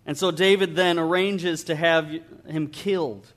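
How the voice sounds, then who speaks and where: A middle-aged man delivers a sermon in a plain, conversational way. His voice sits a bit on the high side, and he often doubles back on his words as he explains. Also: fairly even intonation, a little slow, fairly bright tone. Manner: conversational preaching with frequent repetitions and restarts. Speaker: pastor.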